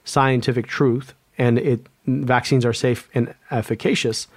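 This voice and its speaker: A man appears as an epidemiologist guest in a conversational interview, speaking earnestly but often restarting and repeating words. His voice is mid-range, steady in tone and unhurried, with no echo.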